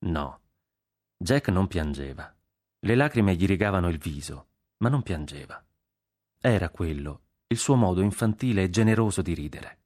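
A man narrating a literary story in a measured, expressive reading. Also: low voice.

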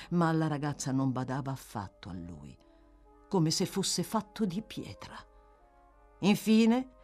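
A woman narrating an audiobook in an expressive, dramatic reading style. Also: sits low. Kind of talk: scripted narration.

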